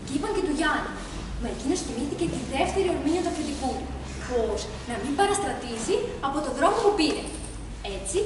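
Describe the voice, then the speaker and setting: An expressive woman storyteller reads a folk tale aloud and now and then addresses her listeners directly. Her high, lively voice sounds far from the mic in a very echoey hall with background noise.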